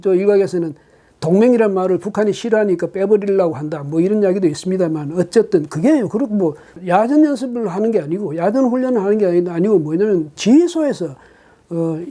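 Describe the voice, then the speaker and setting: A man's voice: high voice, dark tone. A man hosting his own political commentary show, talking alone with emphatic rhetorical questions and frequent hesitant fillers.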